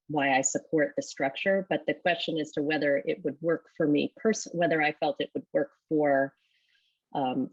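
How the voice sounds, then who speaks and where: Low-voiced woman, thoughtful company leader. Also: no room sound, dull audio. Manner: thoughtful, rephrasing often. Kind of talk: panel discussion answers.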